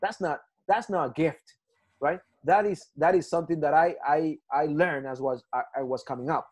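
An Ecuadorian man with a Spanish accent, his voice on the high side at a normal speed, teaches a Bible class on a video call. He's earnest and repetitive, with many restarts and frequent "right?" checks.

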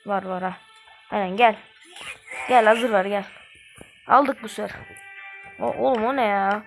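A woman hosting a gaming channel, giving excitable, slangy live commentary and trash-talking the game as she plays. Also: medium pitch, measured pace, creaky. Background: game music.

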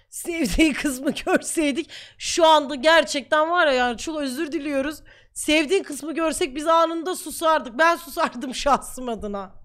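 A woman's voice: high voice, a bit bright. A young woman streamer talking casually to her viewers, heated and ranting at times. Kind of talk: casual chat.

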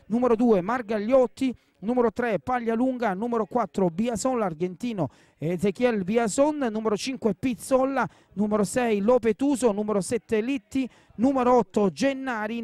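Very high-pitched male commentator. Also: moderate pace, a little mellow, no room sound. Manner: repeats names and phrases as the action builds. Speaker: football match commentator. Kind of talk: excited live football commentary.

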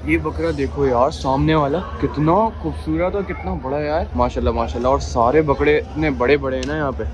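A young man from Pakistan with a Karachi Urdu accent, giving excited casual vlog commentary while walking around an outdoor cattle show. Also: a little high, brisk. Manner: excited, exclaiming over animals. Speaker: vlogger.

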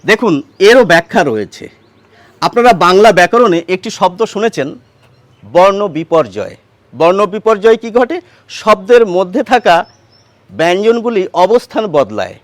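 A man's voice: high-pitched, big pitch swings, normal speed, long pauses, no echo. A man teaching a pronunciation lesson, patiently posing questions and then answering them himself. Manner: patient, asks and answers his own questions. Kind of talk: explanatory grammar lesson.

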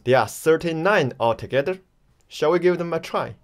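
A man teaching Mandarin pronunciation in an online lesson, friendly and encouraging, speaking slightly non-native English and drilling sounds slowly for learners to repeat. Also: fairly high pitch, lively intonation.

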